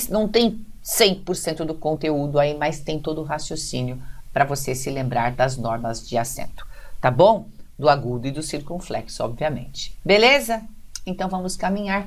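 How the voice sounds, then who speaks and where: A low-pitched woman with a Brazilian Portuguese accent teaches an online grammar lesson. She explains things step by step and checks in with her students often.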